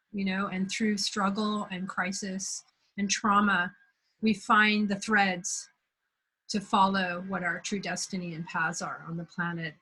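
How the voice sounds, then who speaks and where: A woman from Belgium hosting a conversation, telling a personal story in a reflective, unhurried way. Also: medium pitch, bright, forceful tone, slightly rough, low-quality recording. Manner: reflective, unhurried, searching for words. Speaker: host.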